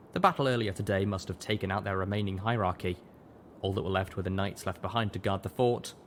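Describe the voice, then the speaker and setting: A male audiobook reader and show narrator delivers a scripted first-person story in a low voice, with slight background noise audible.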